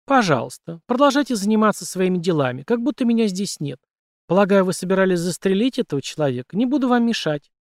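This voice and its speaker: A man's voice: sits high, fast, no room sound, pitched above the performer's own voice. A cool, mildly ironic young woman from an audiobook, speaking evenly in a raised, lighter voice, as a male narrator puts her on. The recording is close and dry. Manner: calm, slightly ironic.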